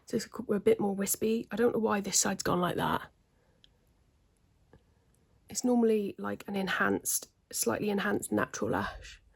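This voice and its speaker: A woman's voice: mid-range voice, steady tone, moderate pace, gravelly, long pauses, slightly rough. A woman chatting casually through her makeup routine at home, with self-deprecating remarks and frequent half-whispered asides. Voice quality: slightly smoky laugh. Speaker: beauty vlogger. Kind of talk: casual get-ready-with-me chat. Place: at home, at a desk, in daylight.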